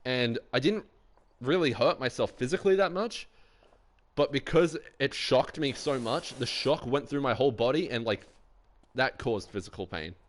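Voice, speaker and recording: A man's voice: mid-range voice, expressive, moderate pace. A young man streaming live, rambling through anecdotes in casual chat, swearing often and laughing a lot.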